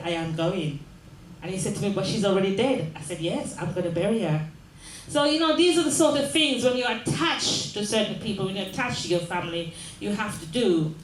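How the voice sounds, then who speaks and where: In a big, echoey room at the mayor's office with faint ambience, the mayor, an older woman born in Jamaica, speaks earnestly to the community. She repeats phrases and keeps checking with listeners, "yes?", in a mid-range voice over slight background noise.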